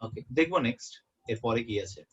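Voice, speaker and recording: A young man tutoring a student for an exam in a relaxed way. He often checks that the student is following and repeats the key terms. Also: mid-range voice, fairly quick, husky. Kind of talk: informal exam-prep lesson. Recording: muffled lo-fi audio.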